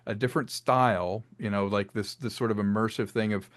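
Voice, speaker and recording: A fairly quick talker with a lowish voice, this director and writer discusses his audio drama in a casual interview. He stays animated, drops into voiced quotes, and laughs between thoughts, all on a dry recording.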